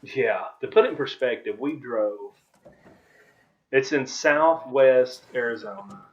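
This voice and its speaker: A man's voice: medium pitch, unhurried. A man hosting a vlog, giving casual, rambling commentary over his own footage. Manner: rambling, informal storytelling. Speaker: video host. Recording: dull, lo-fi microphone audio.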